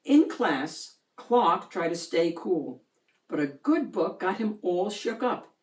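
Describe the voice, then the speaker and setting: This woman's voice sits lowish as she slowly reads a picture book to children in an expressive storytelling style, with reverb around her.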